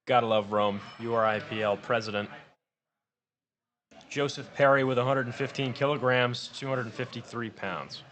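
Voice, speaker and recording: A male announcer at a powerlifting meet, reading out names and weights in a bright, sharp voice. He talks fast and trips over the numbers now and then. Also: mid-range voice, steady tone. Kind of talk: live announcing. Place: powerlifting gym.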